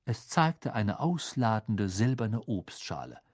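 A man narrating a children's fantasy audiobook with expressive, lively storytelling. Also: fairly low pitch, slow, husky.

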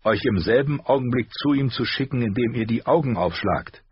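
A man's voice: medium pitch, expressive, moderate pace, slightly rough, dry recording, highs cut off, pitched above the performer's own voice. A man voicing an eager, dutiful steward, polite and urgent.

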